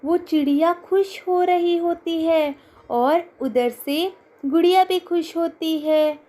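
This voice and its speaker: A woman narrating an emotional cartoon moral story, telling it in a slow, emotive way. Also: very high voice, dark tone.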